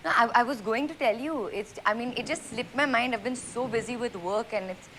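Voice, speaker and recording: A woman's voice: on the high side, a little fast, fairly bright tone, slight background noise. An actress playing a young woman who defends herself in a quarrel with her boyfriend, in Indian English mixed with Hindi. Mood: irritated. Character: young woman, defensive girlfriend named Meera. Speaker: girlfriend arguing with partner. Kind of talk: web series dialogue.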